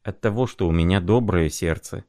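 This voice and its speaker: A man voicing a tender, excitable young clerk. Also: low voice, moderate pace, no echo, clean studio sound.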